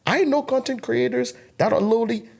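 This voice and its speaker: This man's voice is very high-pitched yet a little mellow, with vocal fry, moving at normal speed. In his thirties and raised in Togo with French as his first language, he speaks with a French West African accent as a guest content creator, preaching emphatically in a podcast interview.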